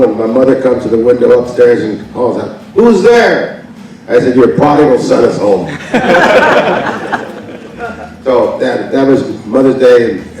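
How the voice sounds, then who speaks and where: A man's voice: medium pitch, dark tone, a little hiss or hum. Older man telling stories in a hall. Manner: rambling storyteller, chuckles often. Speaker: park veteran telling stories. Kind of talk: casual anecdote to an audience. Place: large indoor presentation hall. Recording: echoey hall, from far off.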